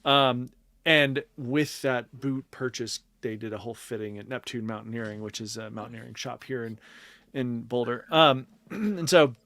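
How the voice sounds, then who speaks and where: A man's voice: mid-range voice, normal speed, a bit bright, dry recording. A man talks through a casual podcast chat in a mid-range voice, recorded dry and close with no room behind him. He explains at length, circling back with fillers and restarts. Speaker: podcast co-host.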